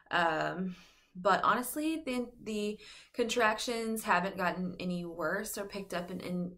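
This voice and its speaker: A heavily pregnant young adult woman, a little short of breath, gives a casual vlog update. Her voice is medium-pitched and a bit bright, and she rambles chattily, filling her speech with fillers and "like."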